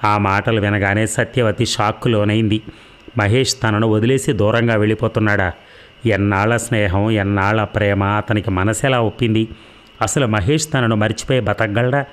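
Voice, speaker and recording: A man's voice: on the low side, moderate pace, smooth. Man reading a novel aloud. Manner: steady storytelling. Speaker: narrator.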